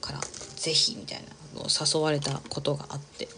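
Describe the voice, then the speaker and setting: A woman's voice: deep voice, monotone, brisk, whispered. Rambling chatty woman livestreamer. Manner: rambling, chatty, frequent laughs, reads viewer comments. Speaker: livestreaming craft creator. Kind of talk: casual livestream chat while crafting.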